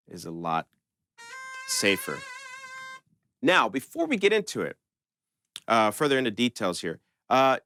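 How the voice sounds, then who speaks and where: He speaks in a mid-range voice that's creaky, pushed and bright, recorded in studio quality without echo. As host of a synth tutorial channel, he casually explains things step by step.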